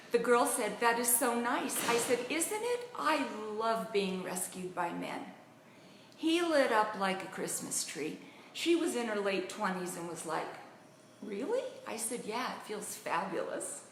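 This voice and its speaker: A middle-aged woman on a live stream, chatting casually as a relationship coach. She tells stories with lively acted-out voices and greets viewers by name. Her voice sounds echoey in the room, with faint noise behind it. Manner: animated, acts out quotes with pitch jumps and laughs.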